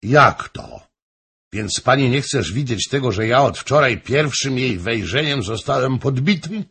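A man's voice: mid-range voice, expressive, measured pace, fairly bright tone, slight background noise, pitched above the performer's own voice. A man voicing a passionate, pleading king in a storybook reading, raised and theatrical. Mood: ardent.

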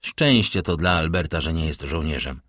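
A man reading the part of a calm, worldly nobleman who speaks with smooth, measured courtesy. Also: rumbling low, no room sound, studio quality. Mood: courteous. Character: suave worldly nobleman, calm and gently teasing. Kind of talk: audiobook character reading.

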